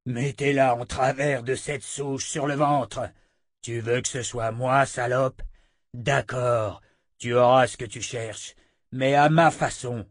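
A man's voice: medium pitch, fairly even intonation, takes it slowly, natural voice. A man reading an audiobook voices a brutal, hateful warrior chief. He snarls threats and orders in a menacing voice close to the reader's own. The sound is dry, with no room echo.

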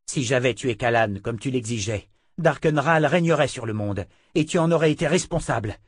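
A man's voice: medium pitch, expressive, normal speed, husky, no room sound, studio quality, voice pushed up. A man reading an audiobook, voicing a defiant young man who argues and pleads. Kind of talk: audiobook character voice.

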